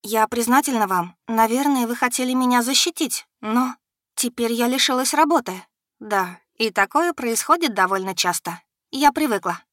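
A woman voicing a weary, polite young tavern serving girl, her voice a bit higher than her narration. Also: moderate pace, a bit bright, dry recording, clean studio sound, lightly acted. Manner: polite, strained, hoarse at times.

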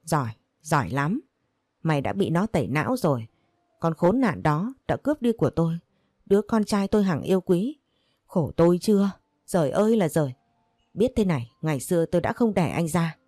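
A bitter, controlling older mother, read by a woman storyteller scolds in a low, mellow voice. She turns every reproach into self-pity. The sound is close and dry. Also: very animated, a little fast, no echo. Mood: wailing.

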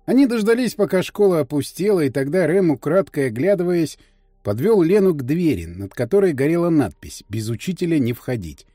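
Expressive male storybook narrator. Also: on the high side, fairly quick, no echo, clean studio sound, soft background music. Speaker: audiobook narrator. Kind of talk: scripted narration.

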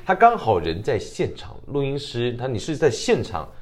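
A man's voice: medium pitch, huge pitch swings, normal speed, noisy background. A man with a Taiwanese Mandarin accent, a voice actor explaining his craft in a radio interview, repeating phrases for emphasis. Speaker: voice actor guest.

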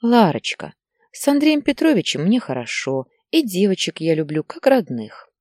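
A woman's voice: on the low side, big pitch swings, normal speed, darkish tone, no echo, clean studio sound, pitched above the performer's own voice. A woman voicing a doting older mother who speaks in a soothing, pleading way, in an audiobook story.

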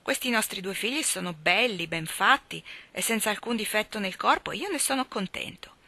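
A woman's voice: mid-range voice, expressive, brisk, sharp tone. A woman reading aloud, voicing a kindly, hardworking farmer father in a hearty, emphatic manner.

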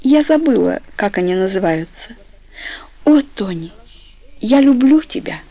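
A woman voicing an anxious, loving young wife who speaks hesitantly and eagerly, a little higher than her narration. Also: expressive, measured pace, mellow, dry recording, dull audio.

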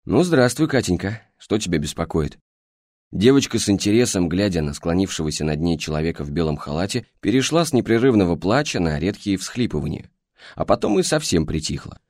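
A man narrating an audiobook in an even, measured reading. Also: sits low, no echo, studio quality.

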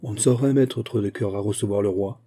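Fallen statesman, solemn and low, read by a man in an audiobook. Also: a little fast, mellow, lightly acted. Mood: grave. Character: Fouquet, weary fallen male minister, grave.

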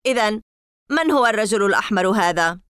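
A woman's voice: fairly low pitch, sing-song, moderate pace, a bit bright, no echo, studio quality. A woman voicing a curious, impatient boy at summer camp. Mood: pleading. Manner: impatient, pleading. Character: tired, curious boy camper.

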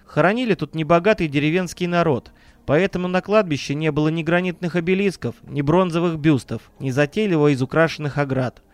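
Audiobook narrator: man, slightly higher voice, dry close studio sound, measured horror telling. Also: no echo.

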